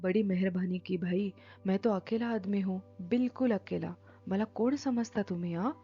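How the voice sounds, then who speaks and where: A woman's voice: medium pitch, measured pace, lightly acted. A woman reading as a drunk, grieving, emotional man. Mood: effusive. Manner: emotional, swings between outbursts and mumbles. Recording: dull lo-fi with faint music.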